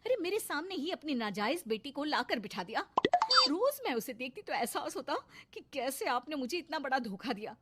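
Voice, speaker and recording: A woman's voice: a little high, animated, moderate pace, heavy background noise, close to an everyday voice. A woman voicing a bitter middle-aged stepmother who taunts and complains in a cartoon story. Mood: taunting.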